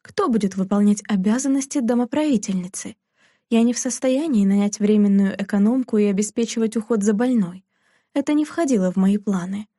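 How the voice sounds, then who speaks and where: A woman's voice: a little fast, warm tone, no echo, studio quality, close to an everyday voice. A woman reading aloud, voicing a stingy, domineering elderly aunt who fusses and complains. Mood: bossy fretful. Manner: shrill, fretful and bossy.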